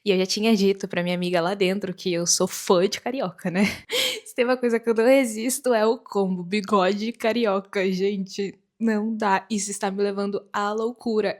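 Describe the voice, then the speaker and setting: A young woman from Brazil, chatting to camera in a giggly, expressive, storytelling way. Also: mid-range voice. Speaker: vlogger. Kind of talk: casual chat to camera. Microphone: camera mic at a distance.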